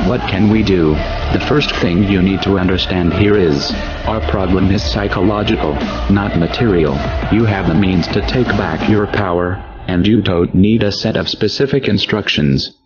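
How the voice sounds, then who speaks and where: Anonymous male narrator, voice disguised and pitched very low, grave manifesto delivery over loud music. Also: dull audio. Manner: grave, measured declaiming. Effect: disguised, pitch-lowered voice.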